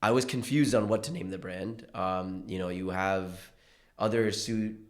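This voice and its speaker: A young man born in India, talking about his clothing brand as a podcast guest in a relaxed, rambling way full of fillers and restarts. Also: low voice, a little slow. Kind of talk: casual podcast conversation.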